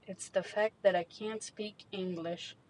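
A young vlogger of Mexican heritage chats casually into a handheld USB mic while sitting in her small parked car, rambling in slang and poking fun at herself. Her voice is medium-pitched, steady in tone, and unhurried, and the audio quality is poor.

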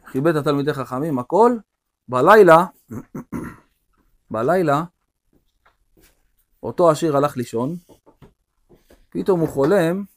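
Rabbi guy telling a story in his class, pretty animated, kinda high voice. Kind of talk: storytelling in a religious lesson.

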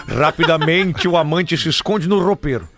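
A man's voice: on the high side, expressive, unhurried, a bit bright. A man telling a comic story on a chat show, in a playful, teasing way. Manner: playful, chanting teaser. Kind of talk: casual chat and joke narration.

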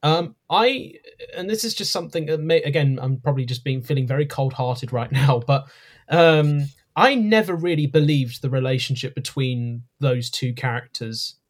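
A man's voice: medium pitch, normal speed. A man co-hosting a podcast, reviewing an episode in casual chat, hesitant with many ums and self-corrections. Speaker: podcast co-host.

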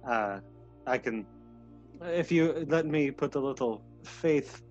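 A man with a mid-pitched voice chats at a tabletop game, stumbling over his words and circling back with fillers. The recording sounds dull and lo-fi, with faint music behind him. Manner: halting, full of fillers and stammered restarts. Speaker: player. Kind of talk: casual tabletop role-play.

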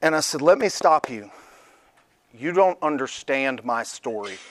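A man's voice: mid-range voice, expressive, measured pace. A man telling his recovery story at a twelve-step meeting in a candid, blunt, conversational way. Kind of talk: personal testimony talk.

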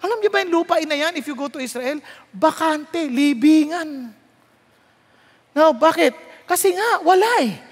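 High, animated preacher in an echoing hall. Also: unhurried. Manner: mixes Tagalog and English, reads scripture aloud; rhetorical questions to the congregation. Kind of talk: sermon.

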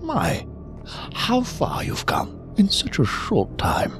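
A man's voice: high-pitched, huge pitch swings, slow pace, music in the background, exaggerated voice. An actor playing a cryptic, coolly condescending male intelligence operative in a science fiction audio drama, with stilted, pedantic, precise diction.

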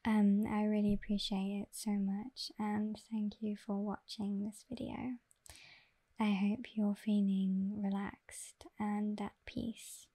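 A woman reading aloud in a soft ASMR whisper, close to the microphone. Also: medium pitch. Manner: soft and even, unhurried. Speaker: ASMR reader.

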